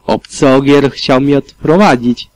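A man reading a fan fiction audiobook aloud in a calm, steady manner with occasional slips. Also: medium pitch, measured pace, rough recording. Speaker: audiobook reader.

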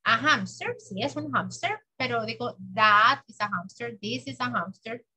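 A woman teaching English to children, patiently drilling words slowly and clearly in a bilingual lesson. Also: fairly high pitch, lively intonation, bright, forceful tone, rough recording. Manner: patient, exaggerated slow pronunciation for children. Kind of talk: bilingual classroom lesson, slow drilled repetition.

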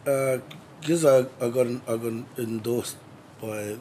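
A man's voice: medium pitch, unhurried, mellow, slight background noise. A man chatting casually as a guest, laid-back and full of swearing and slang. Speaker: drummer, interview guest. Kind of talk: casual chat.

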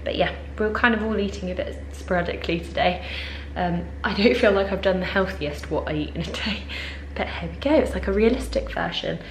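Young woman, casual home vlogger, rambly and filler-heavy, recorded with a clear background hum. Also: medium pitch, fairly quick. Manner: chatty, rambling, lots of fillers. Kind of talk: casual kitchen vlog narration. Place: home kitchen. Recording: noisy kitchen recording.

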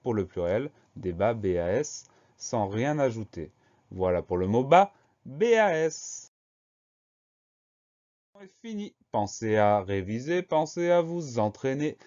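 A man teaching a spelling lesson for children, patient and slow, spelling each word letter by letter. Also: medium pitch, sing-song, darkish tone, dull audio.

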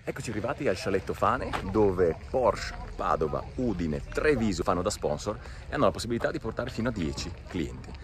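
Excitable Italian car vlogger, low voice. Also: male voice, fairly quick. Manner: enthusiastic, excitable, talks to viewers. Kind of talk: casual vlog commentary. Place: outdoors in a mountain town. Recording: with music behind.

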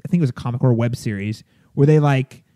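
A man with a mellow, warm voice chatting as a podcast co-host. He trips over his starts and restarts as he goes, recorded close and dry. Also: mid-range voice, quick pace, no room sound. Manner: chatty, hesitant, restarts often. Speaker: podcast co-host, film critic. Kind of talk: casual chat.

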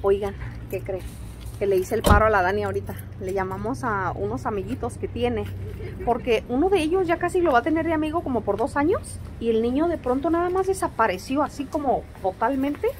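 With a brisk delivery and a voice on the high side, a middle-aged woman with a Mexican Spanish accent chats to her vlog viewers. Her tone is playful and teasing, and there's steady background noise.

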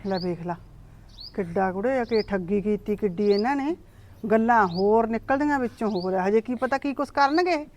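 A woman's voice: mid-range voice, expressive, normal speed, a little mellow, a little hiss or hum, natural voice. A woman with a Punjabi accent playing a firm, scolding older village aunt who comforts her niece in a short drama. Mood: stern. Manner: scolding, reassuring.

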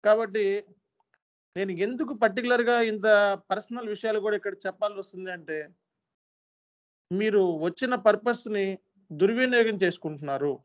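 Stern high-voiced man lecturing trainees. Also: fairly quick, pauses often. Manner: stern, lecturing, repeats points for emphasis. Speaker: SAP training instructor. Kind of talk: earnest appeal to trainees. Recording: dull lo-fi sound.

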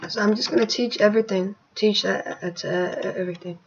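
A woman casually narrating her gameplay as a channel host, rambling with many fillers and sudden excited outbursts. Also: mid-range voice, fairly quick, muffled recording, slight background noise.

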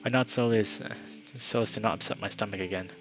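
A man's voice: lowish voice, steady tone, fast, dull audio. A man reading a visual novel aloud for his channel, narrating dramatically with the odd casual aside. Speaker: gaming YouTuber.

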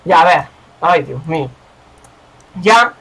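A young man hosting a gaming channel, talking casually and excitably over his game, swearing and yelling at the screen. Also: a little high, slow, husky.

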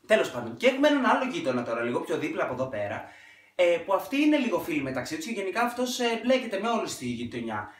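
A young man vlogger telling a casual storytime monologue, animated and dramatic with sudden loud outbursts. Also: high voice, distant mic, a little hiss or hum. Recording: echoey room, off-mic.

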